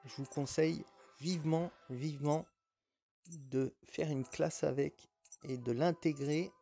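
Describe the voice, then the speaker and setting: A man's voice: fairly high pitch, vocal fry, dark tone. A man giving casual, rambling gameplay commentary as a mobile gaming YouTuber, with frequent hesitations and restarts.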